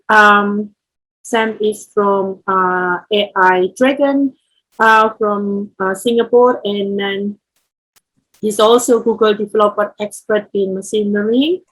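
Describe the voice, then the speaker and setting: A woman's voice: medium pitch, slow, fairly bright tone, rough recording. A woman organizing a meetup, introducing the speaker hesitantly with many fillers.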